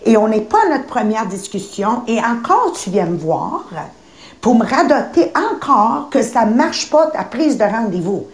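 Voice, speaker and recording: A woman's voice: a little high, big pitch swings, unhurried. A woman on a podcast, talking bluntly and emphatically and slipping English phrases into her speech. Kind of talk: casual podcast chat. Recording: roomy echo.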